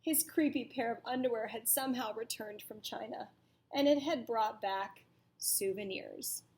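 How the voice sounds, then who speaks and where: A woman teacher reading a picture book aloud to children in a deliberate, dramatic way, pausing to ask them questions. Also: on the high side, darkish tone. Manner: deliberate, dramatic storytelling delivery.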